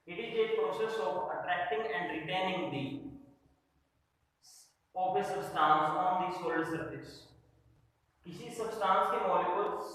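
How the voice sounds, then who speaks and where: A man teaching chemistry at a board who asks the class questions, answers them himself and reads definitions out slowly. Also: sits high, a bit bright. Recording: echoey room, voice far from the mic.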